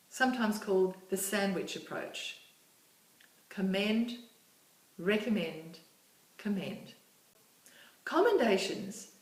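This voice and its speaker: Woman instructor, measured lecture, roomy echo, voice set back from the mic. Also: mid-range voice. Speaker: course instructor. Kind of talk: recorded lecture. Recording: echoey room, distant mic.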